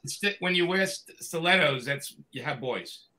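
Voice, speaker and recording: A man's voice: on the high side, expressive, moderate pace, sharp tone, rough recording. A man in his sixties, a guest on a live video call, ribbing the hosts in a playful way. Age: 60s. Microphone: video call webcam.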